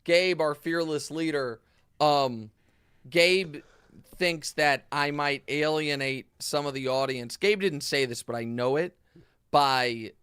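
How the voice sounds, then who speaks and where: A man hosts a sports talk show, full of emphatic restarts and sudden bursts of energy. His voice sits a little high and sounds bright and forceful. The sound is dry and close, with no room echo. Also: slow, smooth. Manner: animated, emphatic, frequent restarts. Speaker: host.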